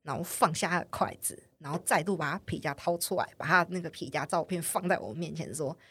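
A woman's voice: deep voice, quick pace, breathy edge, dry recording. A woman co-hosting a casual chat podcast, animatedly recounting a bad date. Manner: animated, quotes others in put-on voices. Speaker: podcast co-host telling a dating story.

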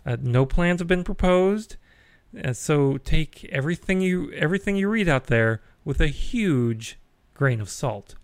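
A man's voice: a little high, expressive, measured pace, smooth, no echo. A man hosting a geeky news podcast, chatty, with wry asides and frequent fillers. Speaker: podcast host.

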